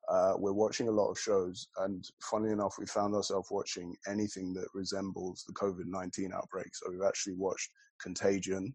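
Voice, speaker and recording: A man's voice: deep voice, breathy edge, no echo. A young man chatting casually and jokily on a panel, with lots of filler ums. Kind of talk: casual podcast chat.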